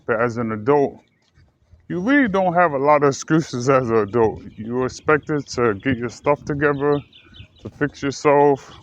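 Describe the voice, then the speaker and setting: A man from the United States talking casually and earnestly to his viewers, rambling and correcting himself as he goes. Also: medium pitch. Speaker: vlogger. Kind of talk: casual personal talk to camera. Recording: slightly dull lo-fi recording with faint ambient noise.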